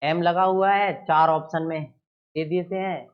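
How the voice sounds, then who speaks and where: Slow-speaking man teaching a grammar lesson. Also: on the high side, steady tone, clear, resonant tone, dull audio. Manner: asks questions and answers them himself, stresses key words loudly. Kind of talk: exam-prep grammar lesson.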